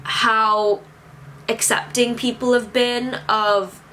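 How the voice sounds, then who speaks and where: A young woman in her early twenties talks to her camera in a casual vlog, voice a touch high. She is teary and keeps reassuring herself between rambling thoughts. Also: level tone, slow, sharp tone, a little hiss or hum. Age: 20s. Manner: tearful, rambling and self-reassuring. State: teary, on the verge of crying. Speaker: vlogger.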